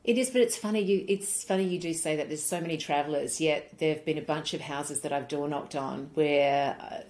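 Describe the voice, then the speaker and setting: A woman's voice: low-pitched, fairly quick, darkish tone. A woman with an Australian accent, from South Australia, chatting as a guest in a friendly, good-humoured interview. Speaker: guest, politician and former journalist. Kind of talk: casual conversational interview.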